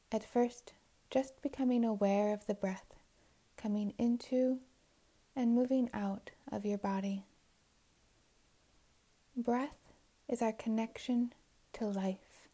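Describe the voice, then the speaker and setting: A woman guides a meditation in a soothing, unhurried way, her voice pitched on the high side. She leaves long pauses and lets her phrases end softly and breathily.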